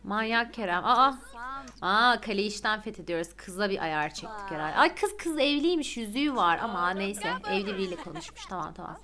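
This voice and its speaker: A young woman streaming a life-sim game, chatting excitedly and gushing to her viewers. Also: medium pitch, brisk. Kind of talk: casual gameplay commentary.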